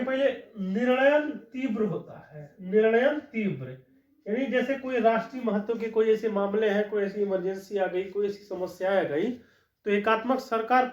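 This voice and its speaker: It's a law teacher lecturing as if to a class: his pitch is high, he says key points twice, and he checks understanding with frequent "ठीक." The audio comes across muffled and low-fidelity, echoing around the room.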